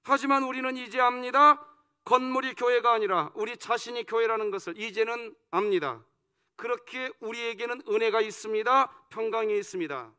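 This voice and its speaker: High, bright-voiced preaching pastor. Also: male voice, moderate pace, clean tone. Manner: lively preaching with call-and-response and teasing the congregation. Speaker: senior pastor. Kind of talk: sermon. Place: church sanctuary.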